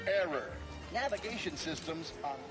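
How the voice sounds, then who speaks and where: A man voicing a malfunctioning robot that is booting up, reporting errors and systems coming online in halting, formal announcements. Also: on the high side, animated, far from the mic, over loud music. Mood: glitchy. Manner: halting, stuttering machine announcements. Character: malfunctioning robot unit rebooting, lost and formal. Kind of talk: video game character dialogue.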